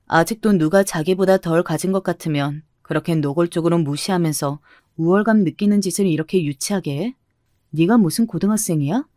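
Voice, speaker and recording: A woman's voice: lowish voice, mellow, no room sound, studio quality, close to an everyday voice. A woman voicing a blunt, successful woman near forty who answers in curt, cutting retorts.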